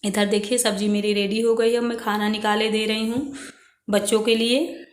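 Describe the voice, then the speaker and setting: This vlogger, a woman in her thirties with an Indian Hindi accent, chats with viewers while handling housework in her home kitchen. She speaks at medium pitch and a moderate pace, flatly, in a reverberant space.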